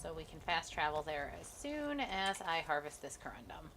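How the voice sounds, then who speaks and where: A woman's voice: sits low, very animated, normal speed, noisy background. A woman giving casual commentary as she plays a game, with dry, wry asides. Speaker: gaming streamer. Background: game music.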